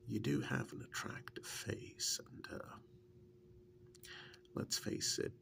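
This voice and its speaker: In a soft-spoken ASMR role-play monologue, a man voices a male partner and former captive who fondly reminisces and teases. He uses a breathy half-whisper with gravelly fry, speaking haltingly and conversationally in a fairly bright tone. The mood is intimate and playful.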